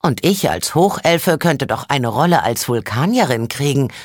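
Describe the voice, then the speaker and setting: A woman playing a haughty, teasing high elf in a comic video game, mocking and wry. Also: lively intonation, moderate pace, dry recording, studio quality. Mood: wry musing.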